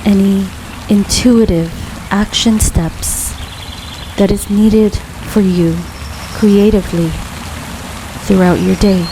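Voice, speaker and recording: A woman leading a guided grounding meditation in a calm, soothing, unhurried way, leaving long pauses between phrases. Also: mid-range voice. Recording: steady rain noise behind voice. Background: rain falling.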